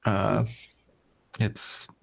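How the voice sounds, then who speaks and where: A man co-hosting a gaming podcast, chatting casually and rambling with lots of "like" and restarts. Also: very slow. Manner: rambling, heavy use of "like", trailing restarts. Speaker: podcast co-host.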